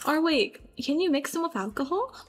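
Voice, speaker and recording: Woman streamer, high voice, playful and giggly, faint background music. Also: lively intonation, moderate pace. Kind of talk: casual chat with viewers. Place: grandmother's house.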